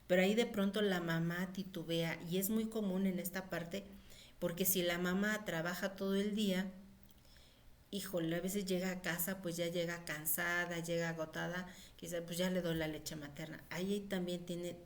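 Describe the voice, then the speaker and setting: Lowish-voiced woman lecturing informally. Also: little pitch movement, normal speed. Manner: conversational, with frequent fillers and acted-out quotes of mothers. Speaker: pediatric nutrition lecturer.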